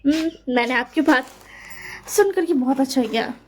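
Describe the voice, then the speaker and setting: A woman voicing a tearful, sulky young man who pleads softly and clings to his older partner. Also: high voice, normal speed, a little hiss or hum, lightly acted.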